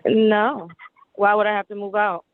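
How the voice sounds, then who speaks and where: A woman's voice: medium pitch, steady tone, measured pace, no echo. Woman, clipped phone line, tinny and dry, insistent, legalistic, calling into court. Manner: insistent, legalistic, repeats her claims. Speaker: tenant defendant appearing remotely. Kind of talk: arguing in a court hearing.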